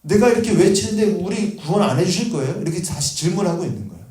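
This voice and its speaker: A man's voice: high voice, darkish tone, reverberant. A man preaching a sermon at a prayer meeting in earnest, acting out a prophet's questions to God.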